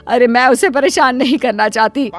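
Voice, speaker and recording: A long-suffering mother in a cartoon story defends and spoils her daughter, voiced by a woman. Her high voice is pleading and tender. Light music plays underneath. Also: normal speed, no room sound, natural voice. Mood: defensive. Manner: pleading, self-sacrificing. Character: devoted doting middle-aged mother, long-suffering.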